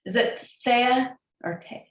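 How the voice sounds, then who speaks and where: A woman in her forties joins a video call, speaking haltingly with plenty of "um"s and "you know"s. Her voice is lowish for a woman and sounds far from the mic, in an echoey room. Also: a bit bright, slight background noise. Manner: hesitant, many fillers and restarts. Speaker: workshop participant. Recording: roomy, distant call audio.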